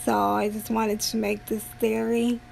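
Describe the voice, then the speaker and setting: Slow, very creaky-voiced woman streamer. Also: a little high, little pitch movement, a little mellow, a little hiss or hum. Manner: halting, with long pauses mid-sentence. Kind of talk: casual rambling livestream talk.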